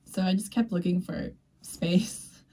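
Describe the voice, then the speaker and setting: A woman's voice: fairly low pitch, very animated, unhurried, warm tone, distant mic. A young woman hosting a casual podcast chat, talking loosely and laughing often as she acts out what others said. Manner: chatty, laughs often, acts out quoted dialogue. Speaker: podcast host.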